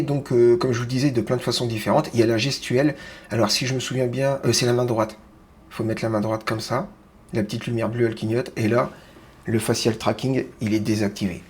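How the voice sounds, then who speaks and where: A man hosting a casual home product demo of a webcam, chatty and excited, with lots of fillers and restarts. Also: medium pitch. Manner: enthusiastic, keeps repeating how great it is. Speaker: tech video host. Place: small room at home with grow tents.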